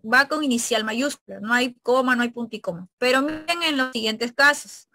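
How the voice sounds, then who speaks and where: Woman teacher, Peruvian Spanish accent, bright and somewhat high voice, patient step-by-step explainer, dry close recording. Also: fairly quick, no echo. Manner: explains step by step with frequent tag questions. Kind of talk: spelling lesson with examples.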